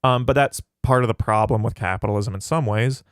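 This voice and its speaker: A man's voice: lowish voice, a little fast, clear, resonant tone, dry recording, studio quality. A man hosting his own livestream, thinking aloud as he answers questions from the live chat. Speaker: channel host reading live chat. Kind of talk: casual livestream talk.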